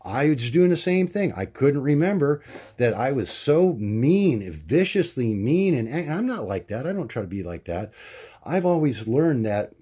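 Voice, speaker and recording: A man talking to his camera at home in a rambling video diary, halting often with fillers and restarts as he hunts for words. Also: sing-song, mellow, husky. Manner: acts out quoted voices in a much higher pitch. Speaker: vlogger.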